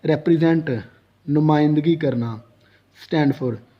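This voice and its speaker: A man with a Pakistani accent, teaching an English short story. He reads each phrase slowly, then explains it in Urdu with synonyms and tips on how to say it. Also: fairly high pitch. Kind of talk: lecture reading and translating a story line by line. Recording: dull lo-fi lecture recording.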